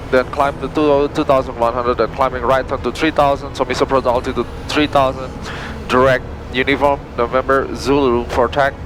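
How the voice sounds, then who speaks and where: A man from Indonesia, an airline pilot, narrating and briefing from the cockpit in informal, halting non-native English. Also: mid-range voice, background noise. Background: music.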